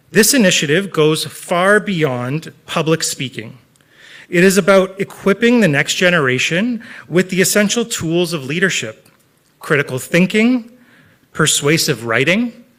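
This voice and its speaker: Male event host, slightly high register, formal scripted introductions for a speech contest. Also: fairly bright tone. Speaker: host of a youth speech competition.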